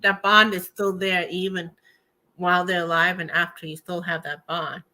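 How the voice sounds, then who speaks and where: A woman's voice: on the low side, little pitch movement, normal speed, sharp tone. A woman hosting a show in a casual, conversational, slightly rambling chat style. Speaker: host of a tarot and spirit talk show.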